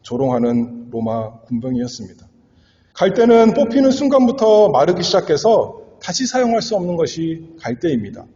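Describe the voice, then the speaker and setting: A man's voice: fairly high pitch, sing-song, moderate pace, mellow. Earnest male pastor preaching in a hall. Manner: earnest, dramatic swells and drops. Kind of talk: expository sermon. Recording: echoey hall, dull lo-fi sound.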